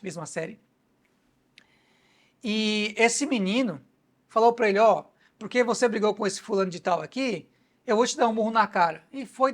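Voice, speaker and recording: A man with a Brazilian accent, speaking casually to camera as a vlogger and telling a story indignantly, with frequent tag questions. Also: sits high. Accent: Brazilian Portuguese. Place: home in Japan.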